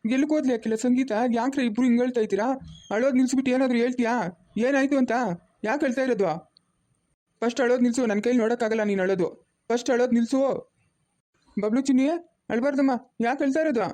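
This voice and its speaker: Cartoon grandfather voiced by an actor, stern, questioning, rural Chikkaballapur Kannada accent, quick talk. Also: medium pitch, fairly even intonation, mellow, close to an everyday voice.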